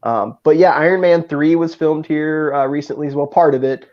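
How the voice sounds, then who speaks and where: A man's voice: a little high, steady tone, moderate pace, highs cut off. A man chatting as a guest on a video call, enthusiastic and full of stories. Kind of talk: casual video-call chat.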